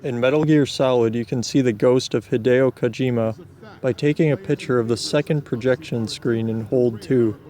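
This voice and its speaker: In a deadpan manner, a man reads scripted video game narration and throws in casual asides. His voice sits in the mid range, at normal speed.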